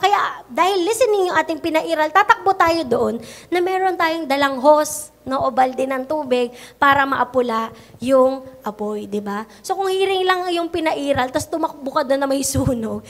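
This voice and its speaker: A woman pastor with a Filipino accent preaching a sermon, mixing Tagalog and English and often asking "di ba?", slowing down to stress key phrases. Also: high-pitched, a bit bright. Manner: mixes Tagalog and English, frequent "no?" and "di ba?" tags.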